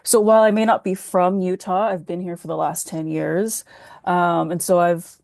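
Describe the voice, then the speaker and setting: Woman guest storyteller on a video call, reflective and earnest, lowish voice, close dry sound. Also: flat delivery, moderate pace, vocal fry, darkish tone, no room sound. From Bay Area, California. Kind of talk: virtual panel discussion.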